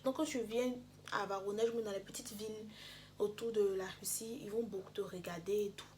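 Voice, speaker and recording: A young woman vlogger telling a storytime to her viewers, animated and direct, often dropping to soft, near-whispered asides. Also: medium pitch, brisk, slight background noise. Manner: talks straight to viewers. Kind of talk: storytime vlog.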